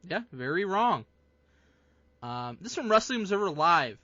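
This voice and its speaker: A man's voice: high voice, big pitch swings, normal speed, pushed and bright, no room sound. A man co-hosting a podcast, introducing a segment and teasing his co-hosts in casual chat. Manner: upbeat segment host, teasing. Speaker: podcast co-host. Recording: dry, slightly muffled podcast audio.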